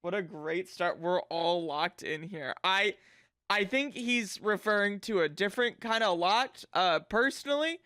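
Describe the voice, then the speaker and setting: A livestreamer chatting casually with viewers in a cute anime-streamer manner, animated and sweary, with bubbly delivery. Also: medium pitch, measured pace.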